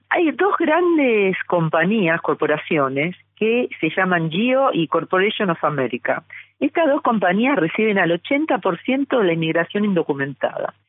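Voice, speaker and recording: A woman's voice: on the low side, dry recording. A middle-aged woman from Argentina with an Argentine accent, a guest giving a fluent, argumentative phone interview. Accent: Argentine Spanish. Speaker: guest, journalist and psychologist. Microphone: telephone. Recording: tinny phone line.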